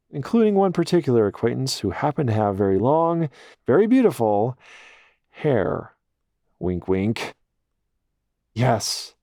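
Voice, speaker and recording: A man's voice: mid-range voice, mellow, dry recording, clean studio sound. A man narrating a first-person audiobook in a wry, self-deprecating way, with profane asides.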